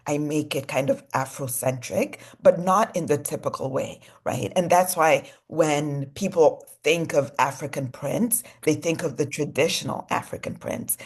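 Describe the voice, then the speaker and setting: A low-pitched young woman from Congo chats easily as a guest in an interview. She speaks in loose, relaxed sentences, leaning on "you know" and "like" as she explains her work. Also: husky. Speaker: fashion designer guest. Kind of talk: casual interview chat.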